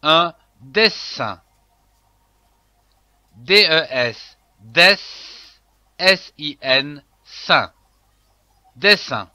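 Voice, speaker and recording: A man's voice: fairly high pitch, animated, extremely slow, long pauses, pushed and bright, no echo. A man teaching a phonics lesson to young children, spelling out letters and blending them into syllables and words. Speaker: reading teacher.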